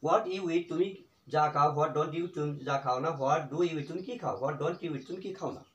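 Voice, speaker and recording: Middle-aged male teacher, patient and repetitive, somewhat high voice, roomy echoey sound. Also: a bit bright. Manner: slow repetitive drilling of example phrases. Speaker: English teacher. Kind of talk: spoken English lesson in Bengali. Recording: echoey room.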